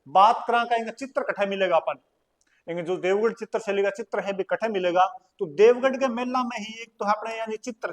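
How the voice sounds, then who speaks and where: A male teacher with a Rajasthani accent, his voice sitting a little high. He hammers home each point by saying it again and again, fires quick questions at his class and answers them himself, mixing in folksy dialect jokes. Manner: drills points by repeating and quizzing students. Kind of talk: online exam-prep lecture.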